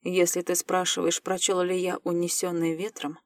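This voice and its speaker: A composed male mentor, as a woman reader puts him on, talking in an even, quiet and measured way. His voice sits a touch lower than the narrator's, dry and close, as in an audiobook recorded in a treated booth. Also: dry recording. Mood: calm. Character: calm grown man, a time-travelling mentor. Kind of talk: audiobook character voice.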